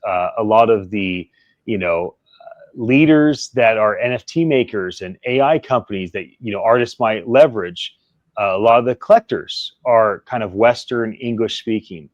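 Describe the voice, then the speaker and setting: A male interview host with a lowish voice asks long, winding questions, circling back with "you know" and "uh." The sound is close and dry, with no room echo. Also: highs cut off. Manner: rambling, searching questions with fillers. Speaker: podcast host.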